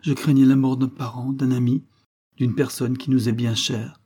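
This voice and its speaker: A man's voice: medium pitch, little pitch movement, normal speed, warm tone, slightly rough, natural voice. A man reading aloud, voicing a devoted, trusting young woman with a raised voice in a spoken storybook. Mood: gentle, reassuring. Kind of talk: audiobook character reading.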